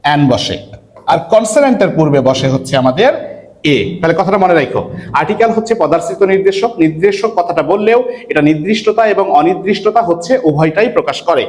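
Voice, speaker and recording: A man from Bangladesh teaching an English admission-test lesson online, who asks his students questions, answers them himself and repeats words slowly. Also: high-pitched, lively intonation, a little mellow. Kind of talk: online lecture.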